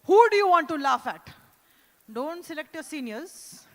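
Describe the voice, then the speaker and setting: A woman with an Indian English accent hosting a corporate live event, teasing the crowd and leading loud cheers and laughter. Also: high-pitched, lively intonation, unhurried. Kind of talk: energetic live event hosting with audience exercises. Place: large indoor event hall. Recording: echoey hall sound.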